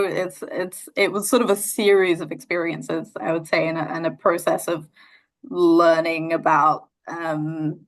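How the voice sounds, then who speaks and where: A young New Zealand woman with a local accent, who founded a charity, speaks casually and thoughtfully as an interview guest. Her voice is on the low side, and she uses many fillers and restarts.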